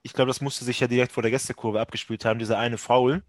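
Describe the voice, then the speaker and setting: A man's voice: mid-range voice, flat delivery, fast, dry recording, studio quality. Man casually analysing a football match. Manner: analytical, thinks aloud with restarts. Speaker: football podcast host.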